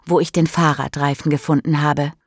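A woman reading a storybook, voicing a playful teenage boy in a soft, low-key, teasing way. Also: flat delivery, normal speed, no echo, studio quality.

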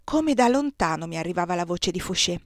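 A woman reading a novel aloud in the first person, with an expressive, measured delivery. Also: fairly low pitch, dry recording, studio quality. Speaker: audiobook reader. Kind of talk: novel narration read aloud.

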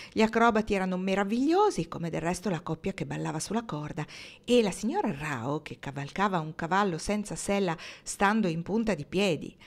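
Calm woman reading a novel aloud. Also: on the low side, creaky. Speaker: audiobook reader. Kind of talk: literary audiobook narration.

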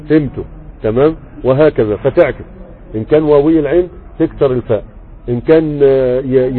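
A man's voice: mid-range voice, husky. A man with an Egyptian Arabic accent giving a grammar lesson online. He reads a text aloud, explains it conversationally and keeps checking that his students follow. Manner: conversational, checks understanding often. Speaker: religious teacher explaining grammar. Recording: tinny phone-like audio.

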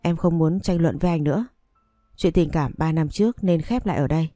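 A woman voicing a calm, resolute young woman who firmly rejects her former lover in a read-aloud story. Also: sits low, brisk, dry recording, studio quality, soft background music, close to an everyday voice.

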